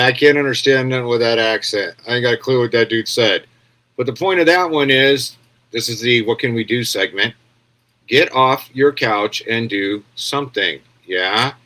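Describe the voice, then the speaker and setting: A man's voice: mid-range voice, bright, forceful tone. A man hosting casual commentary on video clips, talking in a crude, rambling, sarcastic way with frequent "yeah?" tags. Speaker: commentary host.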